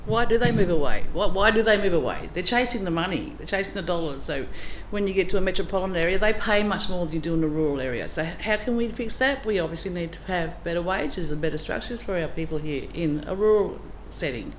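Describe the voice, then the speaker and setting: Running for council, a middle-aged woman from Australia addresses a public meeting in a fairly low voice, speaking fast with lively intonation. Her plain, chatty delivery is sprinkled with ums. The audio is poor, and a faint hiss runs underneath.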